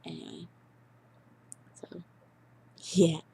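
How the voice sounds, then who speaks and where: Gushing young woman with a gravelly voice. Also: on the low side, level tone, extremely slow. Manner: giggly, gushing, swings from loud to whispered asides; heavy filler words and swearing. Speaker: vlogger. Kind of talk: rambling casual vlog rant.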